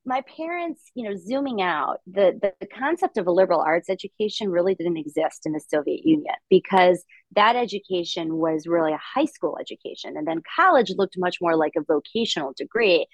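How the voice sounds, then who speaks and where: A woman's voice: lowish voice, dry recording. Articulate woman telling her story. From Latvia. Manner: articulate, upbeat storytelling with light laughs. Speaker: podcast guest, investor. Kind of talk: conversational interview.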